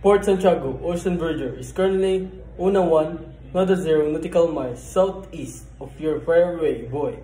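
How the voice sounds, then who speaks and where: A man's voice: fairly high pitch, normal speed, dark tone, slight background noise. A man playing a ship's officer making a marine radio call to port control, formal and clipped, spelling out each number. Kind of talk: scripted marine radio procedure. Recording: echoey room.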